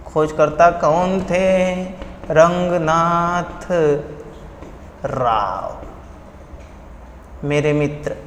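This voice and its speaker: A man's voice: on the high side, echoey room, long reverb tail, a little hiss or hum. A man from India teaching an exam-prep history lesson, quizzing his students by repeating each key fact as a question and giving memory tricks.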